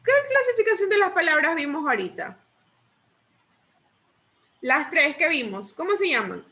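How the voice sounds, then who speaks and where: A woman teacher leading a remedial class, patiently quizzing students with repeated questions and dictating rules slowly. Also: high-pitched, expressive, bright, forceful tone. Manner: slow deliberate dictation of rules.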